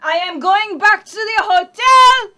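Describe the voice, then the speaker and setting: A woman's voice: high voice, animated, slow pace, slight background noise. A woman playing a haughty, disdainful French businesswoman with a French accent, speaking in theatrical, scornful exclamations in a comedy sketch. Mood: appalled.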